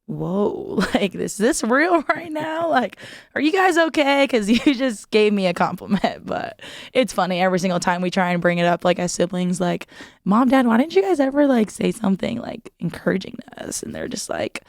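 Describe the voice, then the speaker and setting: A woman's voice: medium pitch, expressive, moderate pace, vocal fry, no room sound, studio quality. A young woman, a volleyball player, chatting as a guest in an interview, with many "like" fillers and frequent laughs. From United States. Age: young adult. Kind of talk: casual interview chat.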